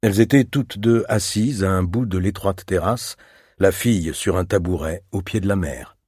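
A man narrating a classic novel as an audiobook, reading in a calm, measured and even way. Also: low-pitched, slightly rough, dry recording, clean studio sound. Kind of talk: scripted literary narration.

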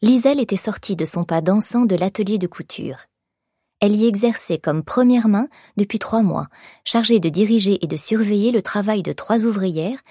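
A woman narrating a novel in an even, measured storytelling manner. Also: medium pitch, slightly rough, dry recording, studio quality.

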